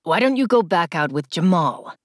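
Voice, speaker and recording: A woman's voice: lowish voice, lively intonation, moderate pace, dry recording, clean studio sound, natural voice. A woman voicing an angry young man who sneers and talks through clenched teeth. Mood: sneering, angry.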